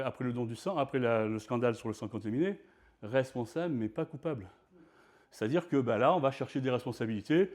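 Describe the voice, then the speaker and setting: Homme qui raconte sur scène. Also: male voice, medium pitch, a little mellow. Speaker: speaker. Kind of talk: performed storytelling talk. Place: stage before an audience.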